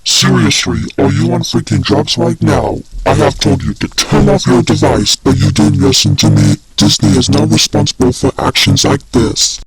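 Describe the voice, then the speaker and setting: A man's voice: medium pitch, expressive, normal speed, creaky, few pauses, husky, full character voice, low-quality recording. A man playing a scolding, threatening evil cartoon mouse in a hobby horror scenario.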